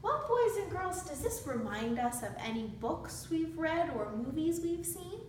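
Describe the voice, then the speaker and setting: With an extremely high pitch and big swings in it, a woman speaks at a measured pace while leading a read-aloud lesson for young children as a student teacher, prompting them with questions in simple phrasing. Faint noise, heavy echo and a distant mic mark the recording.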